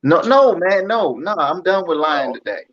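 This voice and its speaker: A fifty-year-old man hosts a casual chat show and jokes his way through the banter, laughing often. His voice sits slightly high and moves around a lot. It comes through a phone mic with a dull, muffled sound. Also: very animated, moderate pace, fairly bright tone. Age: 50s. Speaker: host.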